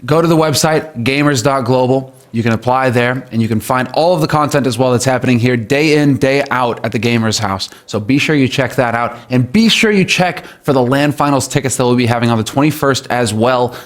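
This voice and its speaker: A male host with an ordinary mid-pitched voice runs the interview. He keeps it loose and conversational, nudging his guest with follow-up questions before moving on to promo announcements. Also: brisk, hardly any pauses. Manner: easygoing, prodding questions.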